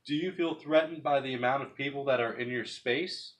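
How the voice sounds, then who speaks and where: A man leading a paranormal session, speaking casually and haltingly as he puts questions to a spirit. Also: mid-range voice, fairly bright tone.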